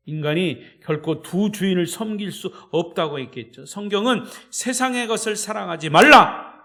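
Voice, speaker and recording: Emphatic male pastor preaching. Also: high-pitched. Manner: emphatic, swings between loud declarations and hushed storytelling. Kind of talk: sermon. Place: church.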